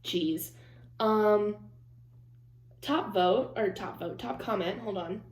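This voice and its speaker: A woman vlogger giving casual reaction commentary, animated and swearing freely as she mimics people in mock-angry voices. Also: medium pitch, slow pace, roomy sound.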